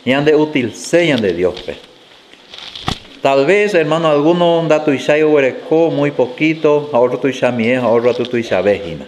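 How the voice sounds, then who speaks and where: A man's voice: mid-range voice, lively intonation, normal speed, darkish tone, slight background noise. A man preaching a sermon, reading scripture aloud and explaining it to his congregation, often calling them "brother.". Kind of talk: sermon mixing Spanish and Guarani.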